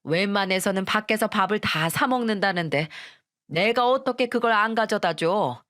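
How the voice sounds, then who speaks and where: A woman's voice: mid-range voice, expressive, moderate pace, fairly bright tone, no echo, clean studio sound, lightly acted. Woman doing a fretful older mother-in-law. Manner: hesitant, sighing.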